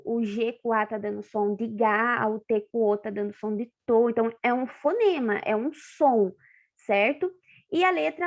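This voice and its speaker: A woman teacher with a Brazilian accent, patiently walking pupils through a lesson step by step and checking in often. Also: fairly high pitch. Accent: Brazilian Portuguese. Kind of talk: online class walkthrough. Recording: dull lo-fi online class audio.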